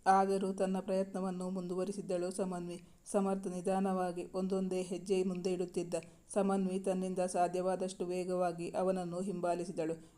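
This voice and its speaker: A narrator reading a romance novel aloud in a steady, even manner. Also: mid-range voice. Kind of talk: scripted story narration.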